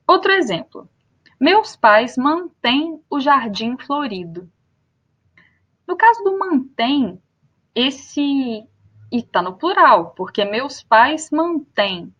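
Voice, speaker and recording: Young Brazilian woman teacher, high voice, slow careful repeats, dull lo-fi sound. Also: very animated, fairly bright tone. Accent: Brazilian Portuguese. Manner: spells out and repeats example words slowly. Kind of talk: spoken grammar lesson.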